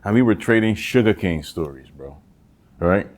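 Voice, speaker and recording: A man raised in Barbados talks loosely on a podcast, repeating and restarting words as he goes. His voice sits fairly low, and he slips into lively impressions when telling a story. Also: normal speed. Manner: stammering restarts, animated impressions. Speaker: podcast co-host. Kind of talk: casual chat.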